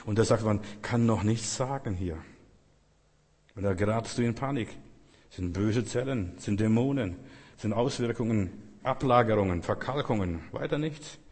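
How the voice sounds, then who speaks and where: Husky preacher in an echoing hall. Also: male voice, on the low side, a little fast, darkish tone. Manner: earnest, repetitive, speaks directly to the listeners. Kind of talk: sermon. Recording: long echo of a large hall.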